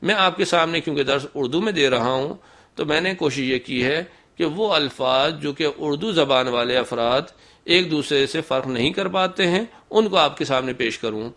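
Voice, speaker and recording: A man teaching Quran recitation in a methodical lesson, slowly sounding out letters to show the differences between them. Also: a little high, a bit bright. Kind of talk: instructional lesson.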